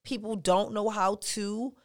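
A woman, talking in a casual, opinionated chat, animated and emphatic with plenty of swearing. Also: mid-range voice, measured pace, dry recording, clean studio sound.

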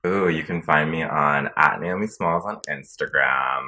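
Deep monotone man with vocal fry. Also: measured pace. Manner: chatty, many filler likes. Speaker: podcast guest. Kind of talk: casual chat.

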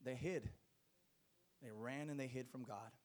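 A man's voice: medium pitch, measured pace, darkish tone. A man preaching a sermon to a congregation, exhorting them emphatically with rhetorical questions and repeated phrases.

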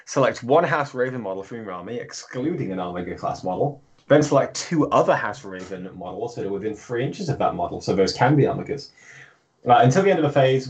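Ein Mann, der im lockeren Gespräch Spielregeln erklärt, mit vielen Füllwörtern und Neuanfängen. Seine Stimme klingt hohl und dumpf wie in einem Goldfischglas, weil er sich zu nah ans Mikro lehnt. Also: male voice, fairly low pitch, darkish tone. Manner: explains rules with many fillers and restarts. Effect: hollow, boxy fishbowl sound from leaning into the mic. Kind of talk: casual chat.

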